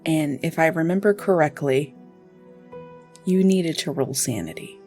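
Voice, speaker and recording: A woman running a tabletop horror game as game master, narrating deliberately. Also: low voice, dark tone, faint music behind.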